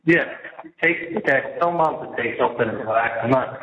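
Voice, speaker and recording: A man calling his parents from a jail payphone, talking in halting bursts and restarting his words. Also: mid-range voice. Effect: jail payphone line. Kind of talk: casual phone call. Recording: muffled, echoey, noisy payphone line.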